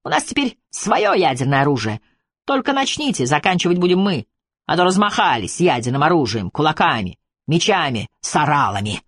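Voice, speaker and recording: A man's voice: fairly high pitch, very animated, normal speed, husky, full character voice. A man voicing a furious, taunting Chinese man in an audiobook, spitting out threats. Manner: spiteful, shouting threats.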